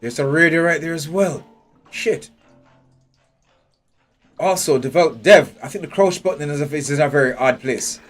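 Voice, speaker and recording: With a fairly high-pitched voice, this man speaks at a moderate pace and pauses often during his live gameplay commentary. He thinks aloud, curses bluntly, and nitpicks every detail, recorded on a desk mic with headphones and soft game music behind.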